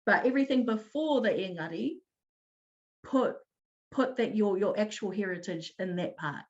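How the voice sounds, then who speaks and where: A woman presenting an online teaching talk, explaining in an upbeat way with quick restarts. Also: medium pitch, darkish tone, muffled recording.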